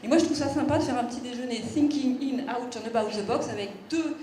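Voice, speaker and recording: A woman's voice: a little high, quick pace, dark tone. A woman moderating a conference, introducing the speakers in a chatty, joking way. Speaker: event moderator. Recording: echoey room with faint noise.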